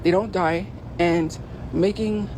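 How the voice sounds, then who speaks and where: High-voiced man rambling outdoors. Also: fairly even intonation, takes it slowly, background noise. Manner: emotional, rambling, many fillers. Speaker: streamer telling a personal story. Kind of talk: casual rambling storytelling.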